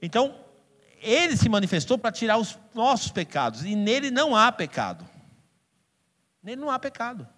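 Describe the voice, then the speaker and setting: A man with a Brazilian Portuguese accent preaching a sermon as a pastor, emphatic and playful, breaking into loud outbursts and mock voices. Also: high-pitched, very animated, moderate pace, long pauses. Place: church hall. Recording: long hall reverb with faint music.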